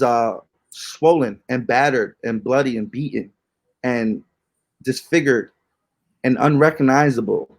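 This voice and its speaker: A young man co-hosting a podcast, telling ghost stories in casual, slangy, rambling chat with lots of fillers. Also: medium pitch. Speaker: podcast co-host.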